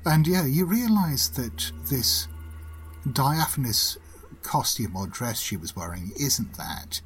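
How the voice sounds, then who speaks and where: A man's voice: mid-range voice, slight background noise, poor audio. A man narrating a tabletop horror game as game master, descriptive and rambling with many fillers.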